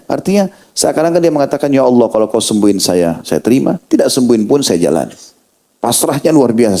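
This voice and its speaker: A man preaching a sermon in Indonesian, telling a story and acting out the people in it with rising, animated delivery. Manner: animated, voices quoted characters with rising pitch.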